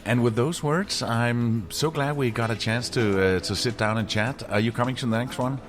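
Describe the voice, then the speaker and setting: A man hosting a podcast, chatting casually with a guest and telling stories in a relaxed way. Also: mid-range voice, normal speed. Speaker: podcast host. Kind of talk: casual interview chat.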